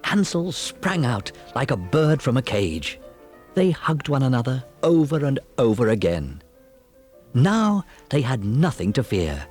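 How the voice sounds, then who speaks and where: A man narrating a children's fairy tale on a storybook cassette with an expressive, dramatic delivery. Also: medium pitch.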